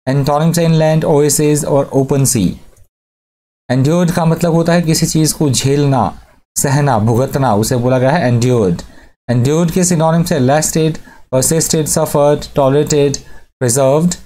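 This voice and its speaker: Male vocab teacher, a bit high-pitched, mellow tone, steady list-reading delivery. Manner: methodical word lists, synonyms and antonyms. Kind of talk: vocabulary lesson.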